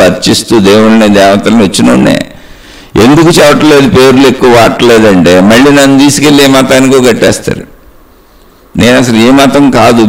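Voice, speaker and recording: A middle-aged man delivers a spiritual talk, pressing his points with one rhetorical question after another. His voice sits at an ordinary male pitch, and his emphatic manner carries the whole discourse. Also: creaky, low-quality recording. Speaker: spiritual teacher.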